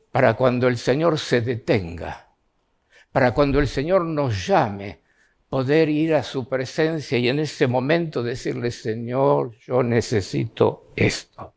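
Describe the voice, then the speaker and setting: A man with an Argentine Spanish accent preaching an earnest sermon in a church, reading scripture aloud with a rising, pleading tone. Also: medium pitch.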